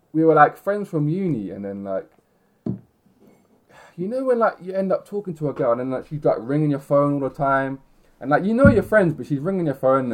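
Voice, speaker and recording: Young London roadman, slangy and rambling. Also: mid-range voice. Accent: London roadman, multicultural London slang. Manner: slangy, rambling, self-interrupting. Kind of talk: casual chat.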